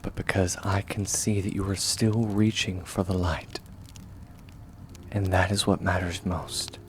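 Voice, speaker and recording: A deep voice with little pitch movement belongs to a man acting as a steadfast, kind young warrior in comfort ASMR. He reassures gently, measured and frequently hushed, soothing and earnest, with a little hiss or hum in the recording.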